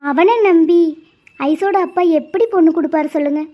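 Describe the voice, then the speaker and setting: A woman's voice: very high voice, normal speed. A woman voicing a chatty, curious young bride who teases in a bubbly way. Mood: earnest. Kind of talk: Tamil cartoon voice acting. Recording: muffled lo-fi audio.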